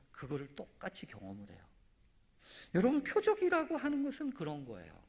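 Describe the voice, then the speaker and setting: A man's voice: high-pitched, husky. A male pastor preaching a sermon, telling a story animatedly and asking the congregation questions. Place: church sanctuary. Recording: echoey church hall.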